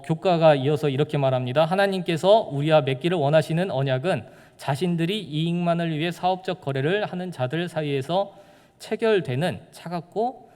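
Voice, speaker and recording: A man in the role of pastor preaches a sermon with a fairly high voice. He talks conversationally and keeps asking his listeners rhetorical questions. His voice rings out with the long reverb of a church hall. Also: a little mellow.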